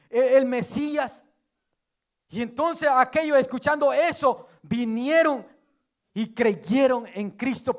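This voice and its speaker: A male preacher delivers a sermon in a church. His voice sits unusually high for a man. He retells scripture as lively storytelling and slips in joking asides.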